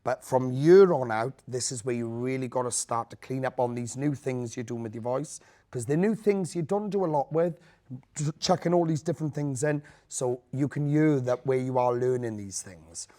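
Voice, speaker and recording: A man's voice: medium pitch, moderate pace, dark tone. A man judging a talent show, speaking in a direct, encouraging way as he gives feedback and asks questions. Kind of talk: spoken audition feedback and questions.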